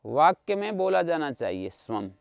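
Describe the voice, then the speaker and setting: A man's voice: a little high, very animated, moderate pace, gravelly, clear, resonant tone, no room sound, studio quality. A man teaching Sanskrit grammar in an online class, explaining rules patiently, repeating key points and checking that his listeners follow. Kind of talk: explanatory lecture.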